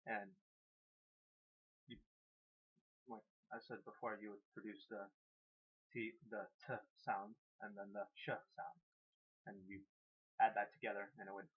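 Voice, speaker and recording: A man explaining beatboxing step by step in a casual, halting way, often restarting his sentences. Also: lowish voice, breathy edge, muffled recording. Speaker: beatbox tutor. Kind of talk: casual how-to demonstration.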